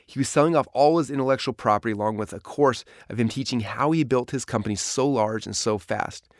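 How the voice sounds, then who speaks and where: A man's voice: medium pitch, brisk, no echo, clean studio sound. A man reading his own memoir aloud in a storytelling manner. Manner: storytelling, dramatic in places. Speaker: narrator. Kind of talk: memoir audiobook narration.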